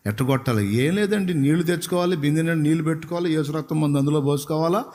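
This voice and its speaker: A simple elderly village woman, as a male preacher puts her on explains herself plainly. The voice sits a little high and rings with long reverb. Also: racing, a little mellow, slight background noise, natural voice. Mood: earnest.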